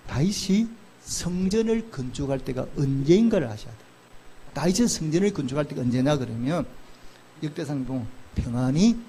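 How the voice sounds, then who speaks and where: A man preaching a sermon as pastor, asking the congregation questions and answering them himself, moving between loud exclamations and soft, slow murmurs. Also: on the high side, a little hiss or hum.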